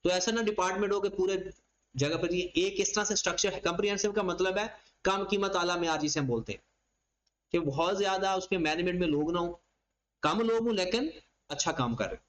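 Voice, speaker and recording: A man's voice: high-pitched, a little fast, a bit bright, low-quality recording. A man giving a classroom lecture, explaining each point by asking a question and then answering it himself. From Pakistan. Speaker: accounting lecturer.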